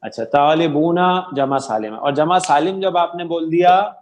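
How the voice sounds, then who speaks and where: A man's voice: on the high side, darkish tone, a little hiss or hum. A man teaching an online Arabic grammar class, quizzing students patiently and affirming their answers. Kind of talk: interactive online class lecture.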